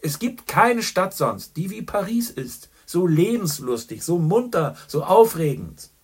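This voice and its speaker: A man voicing a boisterous, worldly middle-aged journalist who talks loudly and boastfully. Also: sits high, sing-song, a little slow, slightly rough, pitched above the performer's own voice, full character voice. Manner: loud, hearty and boastful.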